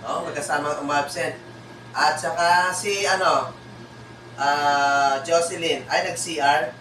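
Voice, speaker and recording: Slow guy teaching kids, sounds out syllables, far off in an echoey room. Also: a little high, fairly even intonation, noisy background. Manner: mixes Tagalog with English and Ilonggo. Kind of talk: classroom teaching demo.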